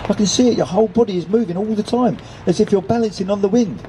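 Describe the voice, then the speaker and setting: A man's voice: a little high, brisk, slight background noise, voice pushed up, natural voice, rough recording. A man doing an eager young pigeon. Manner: eager, excited, a bit shy.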